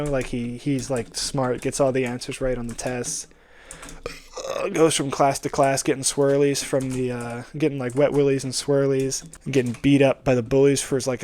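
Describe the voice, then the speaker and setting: A man's voice: mid-range voice, darkish tone. Rambling young man, slangy and sweary. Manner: slangy, sweary, meandering, acting out bits of dialogue. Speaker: storyteller pitching a movie idea. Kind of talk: rambling casual chat.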